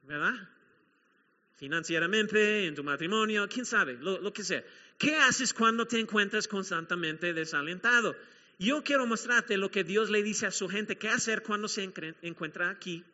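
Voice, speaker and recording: Pastor, man, high sharp voice, emphatic preaching, dull recording with long hall reverb. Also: moderate pace. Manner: emphatic, repeats key phrases, questions the congregation. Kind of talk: sermon.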